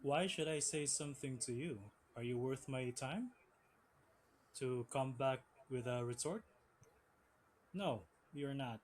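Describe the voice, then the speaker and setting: A man's voice: medium pitch, takes it slowly, pauses often, a little hiss or hum. A man giving a brash, dismissive wrestling promo against his rival. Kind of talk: wrestling promo trash talk.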